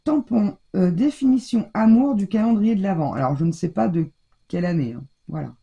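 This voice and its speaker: French woman, scrapbooking vlogger, rambling filler-heavy chatter, mellow tone, stuffy nose. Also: mid-range voice, a little fast, vocal fry, highs cut off. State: scratchy throat, stuffy nose. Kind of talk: casual show-and-tell haul.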